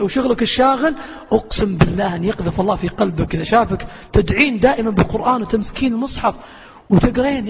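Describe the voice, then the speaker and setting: A quick, high-voiced man preaches, animated and earnest. He sounds muffled, with a long reverb trailing through a big lecture hall. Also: noisy background. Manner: animated storyteller, earnest exhortation. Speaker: preacher answering questions. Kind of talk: lecture with audience Q&A.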